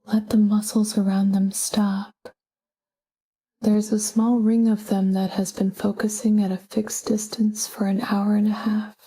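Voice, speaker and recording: Very breathy and airy, a woman's whisper leads a guided sleep meditation. Her pitch hardly moves as she talks slowly and calmly. Gentle, short phrases are separated by pauses.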